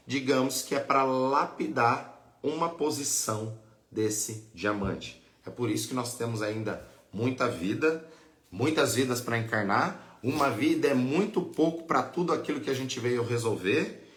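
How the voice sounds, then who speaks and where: A man's voice: mid-range voice, expressive, a little slow, a bit bright. Brazilian man teaching in an echoey room. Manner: patient, explanatory, adds "né?" and "tá?" often. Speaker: Ifá priest and teacher. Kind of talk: live teaching, answering viewer questions.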